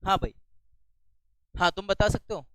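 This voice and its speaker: A male teacher giving a classroom lecture. He talks loudly, asks the class questions and then answers them himself. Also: high voice, moderate pace, no echo, poor audio.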